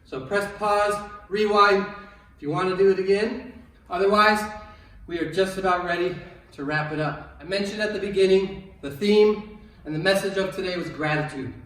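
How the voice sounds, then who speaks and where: Pe coach guy, high voice, encouraging, sounds far from the mic. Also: moderate pace, heavy reverb. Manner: upbeat, encouraging, calm when guiding. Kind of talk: online fitness class.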